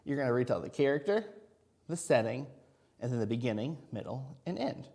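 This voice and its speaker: A man's voice: mid-range voice, big pitch swings, brisk, creaky, warm tone. A man teaching a kindergarten video lesson, talking to young children in simple, encouraging language.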